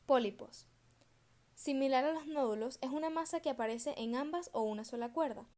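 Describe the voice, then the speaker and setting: Young woman, student presenter, slightly high voice, careful read-aloud delivery. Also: moderate pace, mellow. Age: young adult.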